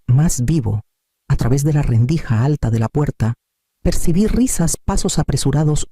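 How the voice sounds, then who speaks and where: A man narrating a first-person family drama in a steady, scripted storytelling manner. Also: mid-range voice, dry recording, studio quality.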